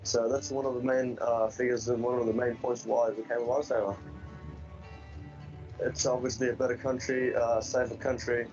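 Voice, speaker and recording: A man's voice: medium pitch, little pitch movement, a little fast. A young man from Afghanistan speaks in a plain, conversational way. He sounds a little distant and muffled, with faint music playing beneath him. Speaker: interviewee, lifeguard. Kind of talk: recorded video testimony. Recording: dull distant mic with soft music.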